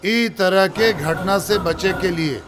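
A man's voice: high voice, slow, noisy background. A man acting as an evasive, scornful government minister in a film, speaking with a Bhojpuri accent in pompous, dismissive, broken phrases. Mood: scornful, defensive. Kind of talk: film drama dialogue. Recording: music behind the voice.

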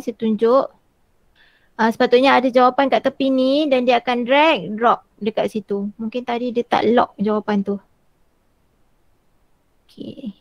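A woman teacher, demonstrating a tool in an online workshop and filling pauses with "ah" over a video call. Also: fairly high pitch, creaky, a little mellow, no echo. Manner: chatty, frequent "ah" fillers while walking through screens.

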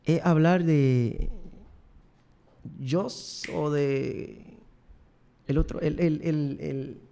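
His voice is on the high side, steady, creaky, mellow and clean, and he speaks very slowly. He's a young adult show host and singer from Puerto Rico, with a Puerto Rican accent, giving a rambling, repetitive, self-promoting comic monologue. He's recorded indoors on a studio set via a close desk mic, wearing headphones.

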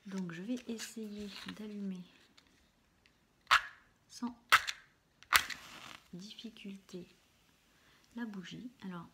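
A woman hosting an ASMR channel, chatting casually and hesitantly in a soft, breathy whisper. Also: mid-range voice, drawn-out words, pauses often. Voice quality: breathy whisper, mostly unvoiced. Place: small room at home, indoors. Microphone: camera close in front, no external microphone. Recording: faint hiss and clicks, no studio microphone.

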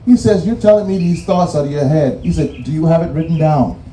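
A high-voiced Bahamian man delivers a graduation address with a preacher's cadence, hammering home numbered points and repeating phrases for weight. His tone is mellow rather than bright, and he sounds set back from the mic in a roomy, echoing space. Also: a little fast, slight background noise. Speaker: commencement speaker. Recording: roomy echo, distant mic, faint music.

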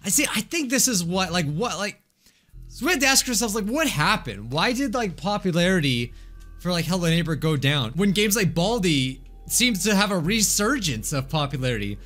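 A high, animated young male voice gives casual gameplay commentary. He rambles excitably into a close desk mic, with faint music underneath. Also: moderate pace. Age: young adult. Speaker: gaming video host. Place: small room indoors. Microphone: close desk microphone with headset.

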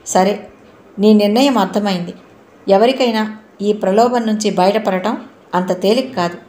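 A woman's voice: medium pitch, a little slow, mellow, close to an everyday voice. A woman voicing a bitter young man who speaks with sarcasm and blunt warnings, in a roomy recording. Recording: roomy echo.

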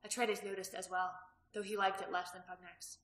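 A woman reading a novel aloud as narrator, steady and even. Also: mid-range voice, moderate pace. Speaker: audiobook reader. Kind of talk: scripted narration. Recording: roomy echo.

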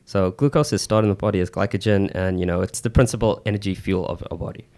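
A man explaining things informally and haltingly as a podcast co-host, close on a studio mic. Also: low voice, fairly even intonation, mellow. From New Zealand. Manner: halting, informal, peppered with "you know". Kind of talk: casual explanatory chat. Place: small indoor podcast studio. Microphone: close boom-arm studio mic with headset.

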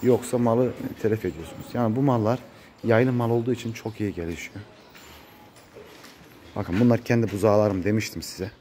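A man's voice: on the low side, fairly quick, long pauses, mellow. A man, his voice muffled and congested from a cold, talking casually to viewers as a farmer in a vlog. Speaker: cattle farmer. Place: open-sided metal-roofed cattle barn. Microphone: handheld phone. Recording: noisy barn phone recording.

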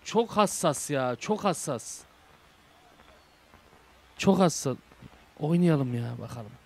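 A young man with a Turkish accent doing casual horror game commentary, reading game text aloud and translating it, jumping between hushed whispers and loud shouts. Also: fairly high pitch, animated, slow pace, gravelly, husky. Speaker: gaming YouTuber. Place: home room. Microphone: desk microphone.

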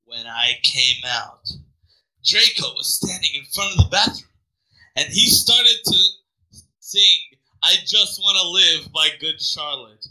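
A man's voice: on the high side, lively intonation, slow, sharp tone, poor audio. A young man reading a bad fanfic aloud to friends, wry and amused, stopping to comment and laugh. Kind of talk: dramatic read-aloud with commentary.

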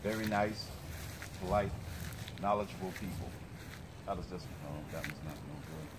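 A man's voice: low voice, moderate pace. A man in his thirties talking casually to his viewers while touring a mango orchard outdoors, filmed on a phone held by someone else. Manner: chatty, enthusiastic, addresses viewers as guys. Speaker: gardening vlogger. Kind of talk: casual vlog talk to viewers. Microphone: phone camera held by another person. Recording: loud outdoor noise.

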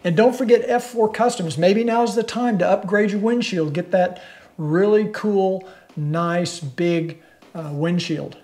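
A man's voice: high voice, a little slow, darkish tone. An older man talking straight to the camera from his living room, hosting a motorcycle channel in a plain-spoken, persuasive way. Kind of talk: direct-to-camera vlog.

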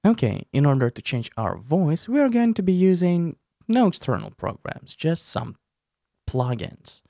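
In this casual software tutorial, a young adult male streamer and host with a slightly high, creaky voice speaks slowly and with animation. He goes step by step, informal and full of playful asides. Seated at a desk in a small indoor room, he uses a close desk mic with headphones, and the recording is dry and clean studio sound.

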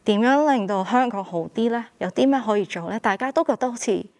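A woman from Hong Kong speaking with a Hong Kong Cantonese accent, giving unhurried, heartfelt testimony as an activist guest on a studio stage. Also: a little high, darkish tone, dry recording. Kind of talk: candid panel testimony.

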